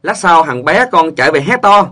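A man's voice: fairly high pitch, expressive, normal speed, fairly bright tone. A man narrating short funny stories in a plain storyteller's way.

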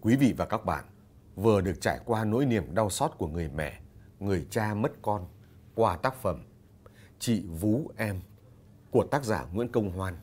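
Brief: male audiobook narrator, somber and measured, dark husky low voice. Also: expressive. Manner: slow, measured, somber reading. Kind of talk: scripted story narration.

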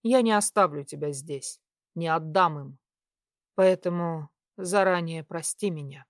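A woman voicing a tender, possessive male werewolf lover in an audiobook, low and hushed. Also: unhurried, no echo, clean studio sound. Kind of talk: audiobook character reading.

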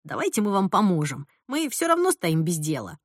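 Danya, a woman doing a calm, low young man. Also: dry recording. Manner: dry, unhurried.

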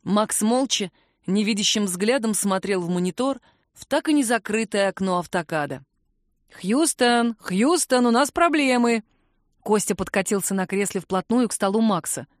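A woman narrating a novel in a steady storytelling manner on a close mic. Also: mid-range voice, moderate pace, no room sound. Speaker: audiobook narrator. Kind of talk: scripted narration.

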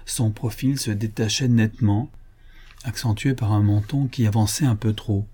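A man reading a detective story aloud as an audiobook narrator, in a steady read that lifts in pitch for the quoted lines. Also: normal speed, husky.

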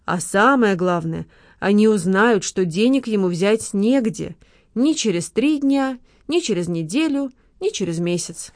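A woman voicing a calm, polite, scheming marquis who speaks in a measured, matter-of-fact way. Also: high-pitched, no room sound, clean studio sound. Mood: calm, courteous.

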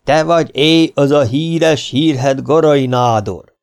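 A man doing a booming, stern old warlord. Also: mellow, natural voice. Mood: commanding. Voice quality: deep, hollow booming voice. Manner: commanding, blustering threats.

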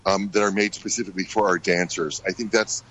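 A middle-aged American man, a ballet director, answering questions in a radio interview, halting with many fillers and restarts. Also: deep voice, steady tone, a bit bright, slight background noise, low-quality recording. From United States.

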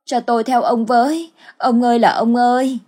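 A woman's voice: medium pitch, expressive, moderate pace, breathy edge. A woman voicing a cruel, scheming older village woman who wails and gloats in a storybook tale. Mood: fake wailing. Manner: wailing then coldly gloating.

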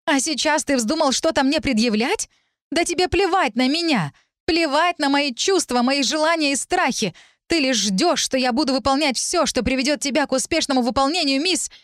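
A woman voicing a furious, defiant young heroine who shouts sarcastic accusations. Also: fairly high pitch, expressive, brisk, hardly any pauses, no echo, clean studio sound, voice pushed up, natural voice. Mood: furious shouting.

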